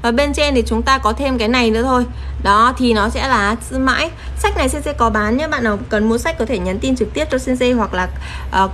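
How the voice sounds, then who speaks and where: A woman's voice: on the high side, fairly bright tone, slight background noise. A woman teaching a live kanji lesson. She is patient and keeps checking in with her viewers through rhetorical questions. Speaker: Japanese teacher.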